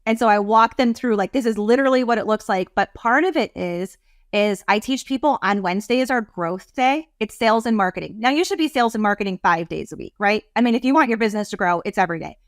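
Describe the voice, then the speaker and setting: A woman business coach talking as a podcast guest, animated, rambling and heartfelt. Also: medium pitch, fast talker, no echo, clean studio sound. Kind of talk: casual interview talk.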